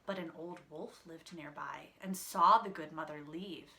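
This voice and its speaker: A woman reading a picture book aloud as a teacher, expressive and explaining in simple words for children. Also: low-pitched, unhurried, vocal fry, a little hiss or hum.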